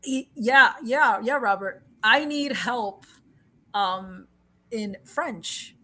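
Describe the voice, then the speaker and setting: Speaking extremely slowly in a fairly high, sharp voice, a woman hosts a livestream. She chats casually, rambles and repeats herself, laughs often, and switches between English and Spanish.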